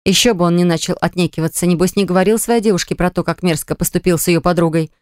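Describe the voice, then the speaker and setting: A reader narrating a story in steady, expressive audiobook style, at a mid pitch. The voice is smooth and resonant, recorded close in a completely dry room. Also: fast, dry recording.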